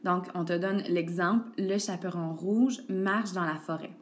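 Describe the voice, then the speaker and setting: A woman's voice: lowish voice, steady tone, unhurried, a little hiss or hum. A woman, an elementary school teacher giving a recorded grammar lesson and speaking straight to a child, patient, with lots of "ok" and "donc". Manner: patient, addresses the child directly with frequent "ok" and "donc". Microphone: tablet screencast recording.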